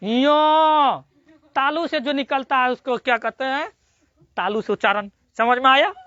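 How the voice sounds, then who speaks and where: A high-pitched teacher with a bright, sharp tone works through a classroom grammar lesson, asking the same question again and again and stretching out each syllable. The dry, dull lo-fi recording has little room sound. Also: normal speed, no room sound. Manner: drills students with repeated questions and answers.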